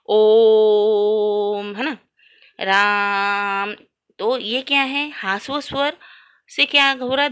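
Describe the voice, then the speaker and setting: A woman's voice: fairly high pitch, sharp tone. A woman teaching a grammar lesson, posing questions to her students and answering them herself, and stretching out sounds to demonstrate them. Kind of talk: classroom-style lesson.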